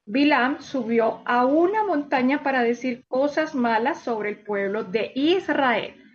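A woman teacher telling a story to children, animated and exclamatory, asking them questions as she goes. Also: high-pitched, muffled recording.

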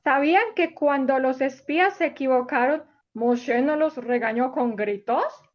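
A woman voicing a small female bee who buzzes and then gently teaches, on a dull lo-fi recording. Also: high-pitched, a little slow. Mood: gentle.

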